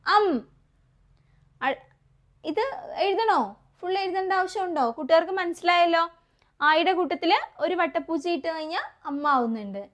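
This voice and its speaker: A woman teaching young children their letters, coaxing them along with questions and slow, repeated letter sounds. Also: very high-pitched, a bit bright. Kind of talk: kids' alphabet lesson.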